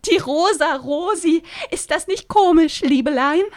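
Lady doing a high shrill pushy busybody from a novel reading, sugary and nosy, dry close sound. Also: measured pace, no echo. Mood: gushing. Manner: shrill gushing calls. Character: chirpy pushy short woman, over-friendly.

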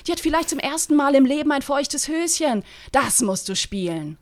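A woman's voice: high-pitched, big pitch swings, normal speed, voice pushed up. A woman voicing a vain, provocative male actor who talks boastfully and theatrically. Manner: boastful, theatrical, pushing his own ideas.

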